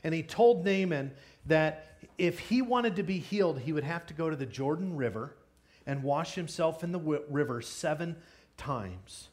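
A man's voice: fairly high pitch, normal speed. Upbeat man preaching to kids. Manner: energetic, playful, asks the kids questions. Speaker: children's pastor. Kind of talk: kids' sermon with audience interaction.

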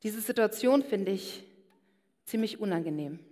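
A woman's voice: mid-range voice, expressive, moderate pace, dark tone. A woman giving a personal sermon and speaking straight to her listeners. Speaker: preacher. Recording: long hall reverb.

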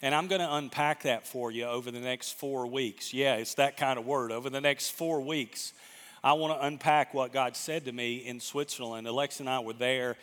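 A man's voice: mid-range voice, steady tone, moderate pace, fairly bright tone, in a large hall. A man in his fifties, a pastor giving a conversational sermon to his congregation in a folksy, self-deprecating way. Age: 50s. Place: church sanctuary.

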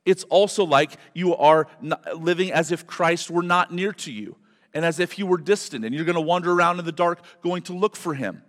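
A man with a fairly high voice speaks quickly as a pastor delivering a sermon into a pulpit microphone. He is emphatic, building toward fervent repetition, and the church's long hall reverb fills the recording.

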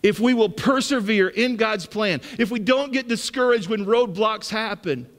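A man preaching a sermon as pastor, acting out the words of the scripture figures in lively bursts. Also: high voice, moderate pace, long reverb tail.

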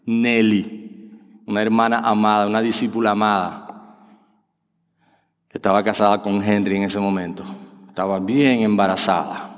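A man's voice: flat delivery, moderate pace, pauses often, clear, resonant tone. A middle-aged male pastor preaching a sermon, peppering the congregation with rhetorical questions and acting out quoted voices. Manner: acts out quoted voices with sudden pitch jumps. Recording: long hall reverb.

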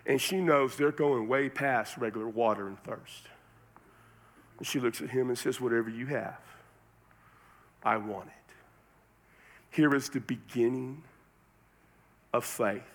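A man from Texas with a Texan accent preaches in a relaxed, folksy way, full of homespun sayings and asides to the congregation. His voice sits at an ordinary middle pitch. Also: a little slow, pauses often. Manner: folksy, conversational preaching with colloquialisms. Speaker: pastor. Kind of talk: sermon.

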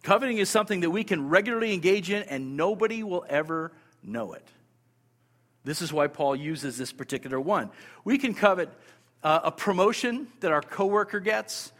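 A man delivering a sermon in a church sanctuary, his fairly high voice ringing out with a long reverb. He talks emphatically, repeats his key points and throws rhetorical questions at the congregation. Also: lively intonation, normal speed, fairly bright tone. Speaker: pastor.

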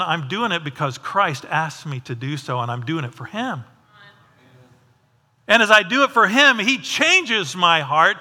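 A man's voice: sits high, pushed and bright, in a large hall. A man preaching a conversational sermon, often asking his congregation questions. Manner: conversational, asks the audience questions. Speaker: pastor.

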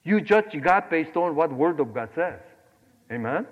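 A man from Korea preaching a sermon, animated, swinging between loud exclamations and quiet asides. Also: fairly high pitch, a little slow, big-room sound, phone-quality sound. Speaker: pastor.

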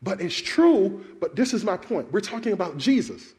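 Guy preaching, high voice swinging all over, keeps quizzing the crowd. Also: moderate pace. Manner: animated, calls out questions to the congregation. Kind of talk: sermon.

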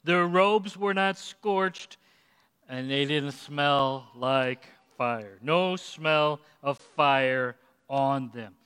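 A man preaching a sermon, telling the story with animated delivery, acting out quotes and asking listeners questions. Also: mid-range voice, very slow, clear, resonant tone, in a large hall. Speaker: pastor.

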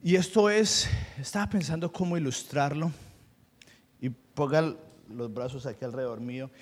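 A man's voice: fairly high pitch, moderate pace, a little hiss or hum. A young man from Colombia with a Colombian Spanish accent, preaching a sermon as a pastor, telling personal stories earnestly and slipping into English asides. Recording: long hall reverb.

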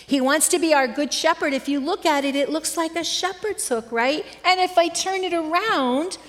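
A woman giving a children's message in a church service, speaking gently and asking the children questions. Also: high-pitched, normal speed. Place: church sanctuary. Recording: long church reverb.

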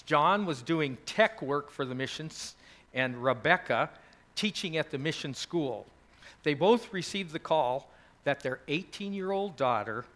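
Hosting a college get-together, this man rambles through stories for the group with plenty of filler words. His voice is fairly high in pitch and fairly bright in tone, and his address is casual and chatty.

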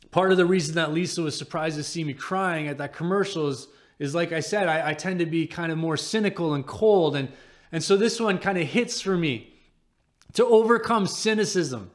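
High-voiced male pastor preaching. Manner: conversational preaching with frequent restarts. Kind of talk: sermon.

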